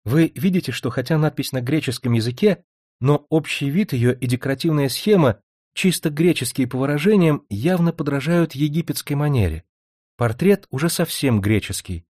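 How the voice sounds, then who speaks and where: A man voicing a soft, reserved young woman. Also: fairly high pitch, lively intonation, normal speed, husky, no room sound, studio quality, pitched above the performer's own voice. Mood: explaining. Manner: soft, hesitant, quietly earnest. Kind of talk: audiobook character reading.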